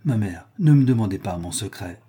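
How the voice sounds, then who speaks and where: A grave young nobleman, as a male reader voices him, solemn and guarded, keeping his secret with quiet resolve. The tone is dark and mellow with a faintly husky grain. It stays close to the reader's own voice. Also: lowish voice, lively intonation, fairly quick. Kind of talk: audiobook character voice.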